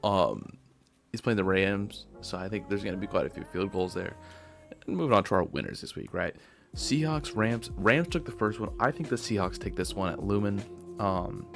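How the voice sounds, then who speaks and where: A man's voice: lowish voice, vocal fry. A man casually giving his weekly sports predictions, tired and yawning, rambling and correcting himself as he goes. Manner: offhand, rambling, self-correcting, yawns while talking. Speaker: sports video host.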